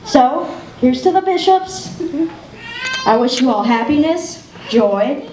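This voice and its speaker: A woman's voice: high voice, lively intonation, slow pace. A young woman giving an emotional wedding toast as the best friend, laughing often and close to tears. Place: wedding reception room. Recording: echoey room, distant mic, faint noise.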